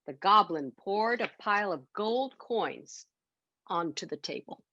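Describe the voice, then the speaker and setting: A woman's voice: medium pitch, expressive, measured pace, bright, forceful tone, no room sound, highs cut off. A woman reading a children's bedtime story expressively, as a storyteller.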